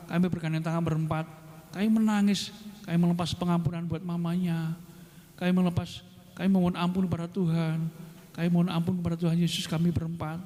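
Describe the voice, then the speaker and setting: A man's voice: sits high, warm tone. A middle-aged man giving an earnest personal testimony in a church service, often turning to address the congregation directly. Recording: reverberant church hall with instrumental music behind.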